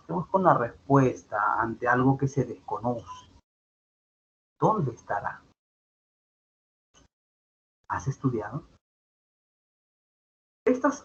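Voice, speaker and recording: In a dull, lo-fi recording with faint background noise, a male teacher explains grammar online. His voice is mid-range and fairly bright, and he works patiently, restating his points and adding tag questions.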